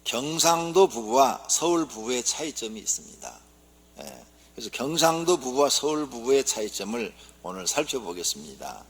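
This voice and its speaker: A male pastor opening his sermon by telling jokes in a lively storytelling manner. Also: mid-range voice, normal speed, breathy edge. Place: church sanctuary. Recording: long church reverb.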